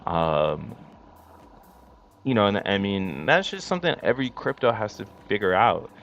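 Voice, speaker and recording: Male crypto bro streamer, low voice, slangy casual hype, muffled mic. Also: animated, moderate pace, a bit bright. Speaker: livestream host. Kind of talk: casual crypto commentary to a live chat. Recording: dull lo-fi mic with faint background noise.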